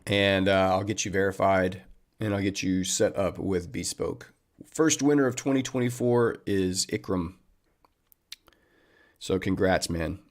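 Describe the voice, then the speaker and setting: A man's voice: low voice, measured pace. A man hosting a trading livestream, chatting casually and upbeat with viewers and calling them man and buddy.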